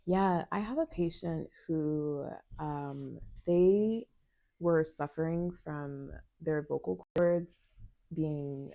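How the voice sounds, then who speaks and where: Deep, gravelly-voiced woman guest, thoughtful. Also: very slow, dark tone, no room sound. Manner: thoughtful, reflective, many "like" fillers. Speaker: acupuncturist and sound healer, guest. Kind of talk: casual conversational interview. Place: her acupuncture practice room.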